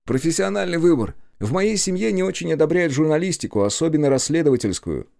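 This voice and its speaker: A man doing a hoarse, wry young journalist. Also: animated, quick pace, darkish tone. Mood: wry friendly. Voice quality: hoarse, strained higher voice.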